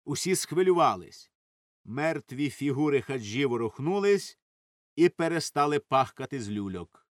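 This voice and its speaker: A man narrating a literary story as an audiobook in an expressive, measured way. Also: medium pitch, no echo, clean studio sound.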